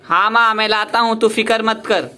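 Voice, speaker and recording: A woman doing a brash young son, loud. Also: on the high side, fairly even intonation, normal speed, a little hiss or hum. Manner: loud, blunt, clipped. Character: boastful obedient young husband. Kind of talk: puppet play performance.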